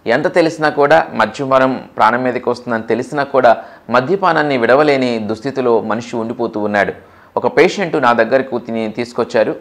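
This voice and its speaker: An earnest man in the role of a doctor tells a patient's story at an even, middling pitch. He circles back over his warnings, repeating key points to press them home. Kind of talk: earnest first-person account.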